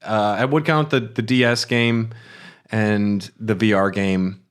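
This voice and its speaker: A man's voice: lowish voice, fairly even intonation, a little slow, smooth. A man hosting a podcast in a casual chat, laughing often and reading listener mail aloud. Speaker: podcast host.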